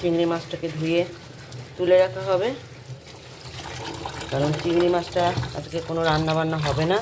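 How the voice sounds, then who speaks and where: Home vlogger, woman, casual soft chat into a handheld phone, echoey room, background noise. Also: fairly low pitch, flat delivery, moderate pace. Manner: speaks softly at night so as not to wake family. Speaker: vlogger, mother of two daughters. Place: home, bedroom and kitchen.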